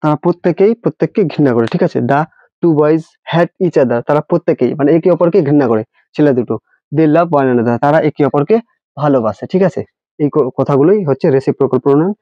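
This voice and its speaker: A man's voice: fairly high pitch, fairly quick, dry recording. Guy teaching grammar, spells stuff out letter by letter, dry dull lo-fi sound. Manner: spells words letter by letter, asks rhetorical questions. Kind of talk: classroom-style grammar lesson.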